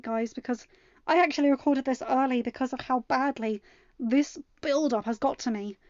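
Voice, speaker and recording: Heard on a close, slightly muffled home recording with no echo, a high-pitched woman with a darkish tone hosts a fan fiction channel. She reads stories aloud, then signs off in a chatty, excited way.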